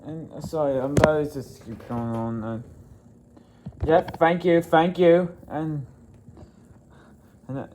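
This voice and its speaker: A man talking in a casual vlog, rambling and halting with many fillers and restarts. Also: a little high. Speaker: vlogger. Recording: loud background noise.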